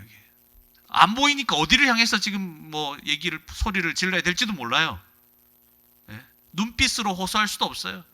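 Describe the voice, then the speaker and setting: A male pastor delivers a sermon in a very bright, forward voice that sits a little high for a man. He preaches with lively drama, playing out the voices of the people in the story. He swings from loud calls down to near whispers. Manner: lively, acts out quoted voices, swings between loud and hushed.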